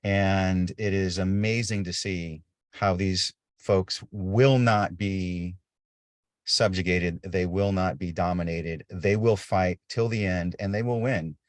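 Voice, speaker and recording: Speaking slowly with fairly even intonation, a middle-aged man shares war-zone stories from his aid volunteer work as a guest on a video call. His voice is low, and he earnestly repeats words to build toward a point in this casual storytelling. The recording is dry and studio quality.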